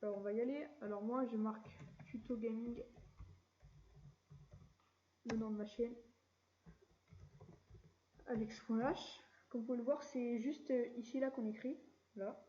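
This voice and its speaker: A woman hosting a casual screen-recorded software tutorial, chatty and relaxed, with mild slang. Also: on the high side, measured pace, long pauses, lo-fi sound, a little hiss or hum. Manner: chatty, relaxed, keeps saying "voilà" and drops mild slang. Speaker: tutorial channel host.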